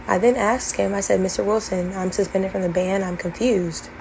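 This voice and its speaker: A woman's voice: mid-range voice, steady tone, normal speed, vocal fry, darkish tone, slight background noise, low-quality recording. A young woman earnestly recounting her college experience in a storytime vlog, detailed and full of fillers. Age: young adult. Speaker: former college band member telling her story.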